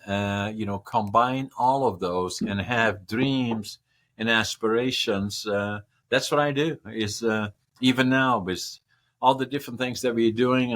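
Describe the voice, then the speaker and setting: This podcast guest is a man in his 80s from the northern Netherlands, a first-language Dutch speaker with a mid-range, slightly bright voice. He gives casual interview answers that ramble on, full of repeated words and lists.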